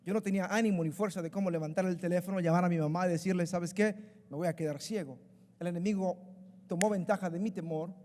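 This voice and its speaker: A man in his thirties preaching a sermon, building from quiet storytelling to loud, shouted preaching. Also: sits high, long reverb tail. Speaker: pastor.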